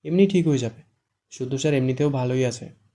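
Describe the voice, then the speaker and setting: A man's voice: medium pitch, brisk, warm tone, close to an everyday voice. A man voicing a teasing young woman friend. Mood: comforting. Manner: teasing, chatty.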